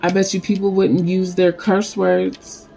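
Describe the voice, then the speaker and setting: A woman giving a casual spiritual card reading, talking in a slow, meandering way with many fillers. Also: lowish voice, little pitch movement, creaky, dark tone, a little hiss or hum, poor audio. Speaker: spiritual reader.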